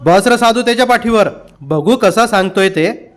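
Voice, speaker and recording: A man's voice: high voice, normal speed, close to an everyday voice. A man voicing a firm village mother in an audiobook, speaking in a chiding tone. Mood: stern.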